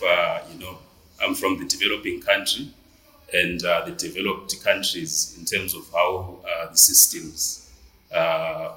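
A man from Zimbabwe with a very deep yet sharp, bright voice speaks as an interview guest. He talks haltingly with many fillers. An echoey room surrounds him. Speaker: journalist.

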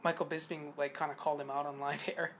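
A man's voice: on the high side, flat delivery, fast talker, fairly bright tone. A man co-hosting a podcast, talking in a rambling, hesitant way with many fillers. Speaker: podcast co-host. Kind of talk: casual sports chat.

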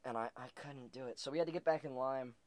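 A man's voice: mid-range voice, quick pace, dry recording. A young man chatting casually, swearing often and breaking into laughter as he tells stories. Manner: profane, laughs often, animated storytelling. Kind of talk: casual chat.

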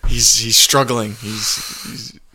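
A man's voice: fairly low pitch, little pitch movement, slow, a crowd in the background. A young man hosting a podcast in casual chat, easygoing and affirming, laughing along with his guest. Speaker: podcast host.

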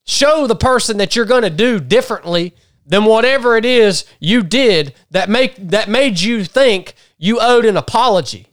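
A man's voice: high voice, animated, moderate pace, fairly bright tone, no echo, clean studio sound. A man hosting a podcast, ranting bluntly and restarting his sentences. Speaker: podcast host. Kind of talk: casual chat.

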